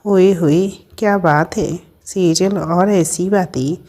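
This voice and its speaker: A woman's voice: fairly low pitch, slow, mellow. A woman doing a brash, scolding young friend. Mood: mocking. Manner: blunt, scolding, mocking.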